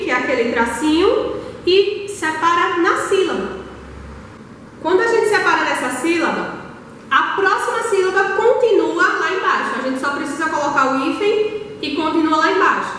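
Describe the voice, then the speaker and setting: High-voiced Brazilian teacher in an echoey hall. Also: female voice, sharp tone, a little hiss or hum. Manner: patient, spells things out slowly, checks in with "tá?". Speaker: primary school teacher. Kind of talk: recorded lesson for young children. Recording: very echoey hall, voice far from the mic.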